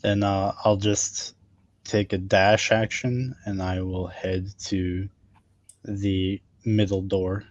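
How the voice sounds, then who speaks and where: A man playing a tabletop game, hesitant and halting, on slightly dull lo-fi audio. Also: deep voice, little pitch movement, no room sound. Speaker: player. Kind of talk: casual tabletop game play.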